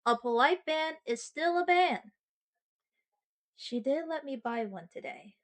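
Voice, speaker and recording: Voicing a young girlfriend in an ASMR roleplay, a woman addresses her partner directly, her somewhat high voice full of lively intonation as she sheepishly explains something. She's sweet, earnest and chatty, stumbling when shy and lapsing into playful, exaggerated self-mockery.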